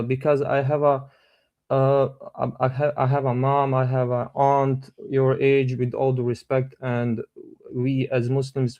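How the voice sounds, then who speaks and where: A man in his twenties with a Bosnian accent calls in to a debate stream. He talks politely and hesitantly, with many fillers, in a mid-pitched voice. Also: muffled recording. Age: 20s. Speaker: caller. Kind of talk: debate call-in.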